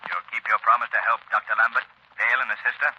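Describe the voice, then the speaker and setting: An actor playing a mysterious, menacing unseen crime fighter in an old radio drama, commanding and theatrically taunting. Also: male voice, fairly low pitch, fairly even intonation, fast talker, sharp tone, slight background noise. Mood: solemn. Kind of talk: 1940s radio drama acting. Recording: dull old radio recording.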